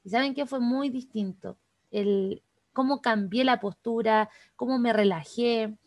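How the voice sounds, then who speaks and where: A woman with a Chilean accent, teaching an online class over a video call, talking quickly and chattily straight to the participants. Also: on the high side, a little mellow, no room sound. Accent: Chilean Spanish. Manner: fast, chatty, addresses participants directly. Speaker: workshop instructor.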